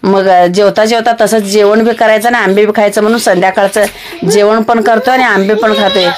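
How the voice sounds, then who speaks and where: A woman's voice: medium pitch, fairly even intonation, brisk. Chatty woman narrating a home vlog. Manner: chatty, rambling, with frequent fillers and restarts. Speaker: vlogger.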